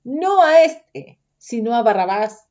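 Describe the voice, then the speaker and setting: A woman reading the lines of an angry crowd of men, with raised, insistent, higher-pitched outcries. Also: big pitch swings, slow pace, darkish tone, muffled recording. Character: angry shouting crowd of men demanding execution.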